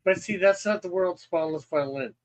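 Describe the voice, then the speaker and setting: A man chiming in on a live stream with quick joking remarks. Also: high voice. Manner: joking interjections. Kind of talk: casual chat.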